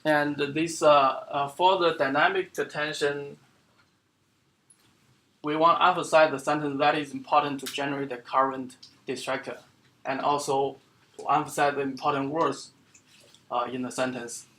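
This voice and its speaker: A man giving an academic seminar lecture as the speaker, explaining in a halting way with many fillers and restarts. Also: fairly high pitch, fairly even intonation, pushed and bright. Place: lecture room.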